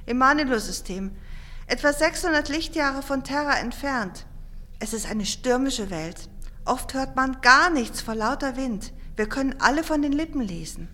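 A bubbly, high-voiced alien teen girl. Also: expressive, normal speed, sharp tone. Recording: music playing underneath.

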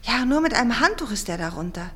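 A bubbly, high-voiced alien teen girl. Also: sing-song, fast talker, a bit bright, husky, exaggerated voice. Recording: music playing underneath.

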